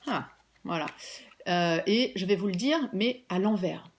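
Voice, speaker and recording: A woman preschool teacher giving a remote lesson to parents and children, patiently clapping out syllables and stretching words slowly. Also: mid-range voice, a little hiss or hum.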